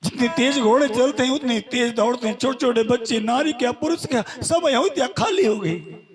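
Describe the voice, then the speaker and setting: High-voiced male devotional storyteller. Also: animated, moderate pace. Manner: emotional, sing-song storytelling. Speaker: religious storyteller. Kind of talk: devotional katha sermon. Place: live village gathering. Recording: instrumental music behind.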